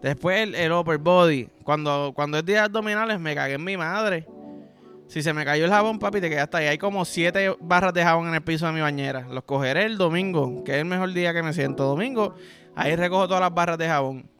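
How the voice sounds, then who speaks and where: Young Puerto Rican male podcast host, crude comic rambler, higher pitch, sharp bright tone. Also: a little fast, faint music behind. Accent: Puerto Rican Spanish. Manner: vulgar, rambling, animated storytelling with sound effects. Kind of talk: crude comedic monologue.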